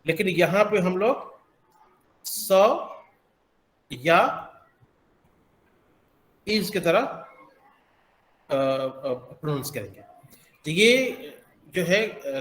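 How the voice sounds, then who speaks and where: A man teaching English pronunciation, explaining slowly with many hesitant pauses. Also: on the high side, a bit bright, reverberant. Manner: slow, halting, many filler pauses. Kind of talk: explanatory classroom lesson.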